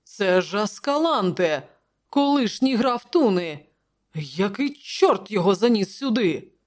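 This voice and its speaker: A woman's voice: medium pitch, sing-song, a little slow, darkish tone, pitched above the performer's own voice. A woman voicing a stern male commander of royal dragoons with a curt, scolding manner. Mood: shocked.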